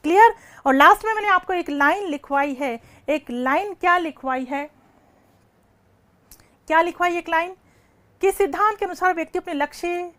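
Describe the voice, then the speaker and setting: A woman teacher giving a live online lecture, asking questions and answering them herself, and calling her students "beta". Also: high-pitched. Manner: calls students "beta" affectionately.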